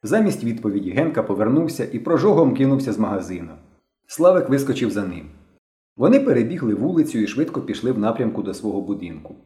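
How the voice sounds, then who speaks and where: Male audiobook narrator, expressive, mellow tone, roomy echo. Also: mid-range voice, quick pace. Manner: expressive storytelling.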